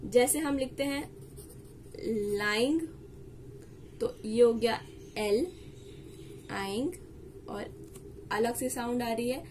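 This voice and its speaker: A woman's voice: fairly high pitch, slight background noise. A woman teaching shorthand, explaining each step patiently and repeating key terms. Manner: patient, repeats key terms, mixes English words into Hindi.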